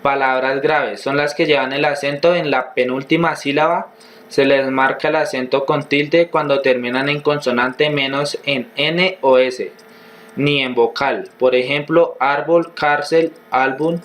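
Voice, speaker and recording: A man reading a grammar lesson aloud in a steady, measured, list-like way. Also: mid-range voice, a little hiss or hum.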